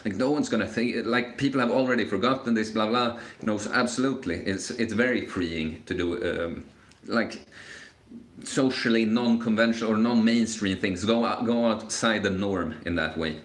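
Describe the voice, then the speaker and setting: In an echoey room, a man in his twenties hosts a casual live Q&A stream, rambling and hesitating with lots of fillers and restarts. His voice is on the low side and moves at a moderate pace.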